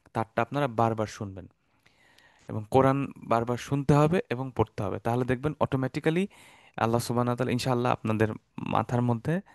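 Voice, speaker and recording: A man's voice: mid-range voice, dry recording. Man teaching in a dry room. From Bangladesh. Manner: relaxed explaining with fillers and asides. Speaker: Quran Arabic teacher. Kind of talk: online class lecture.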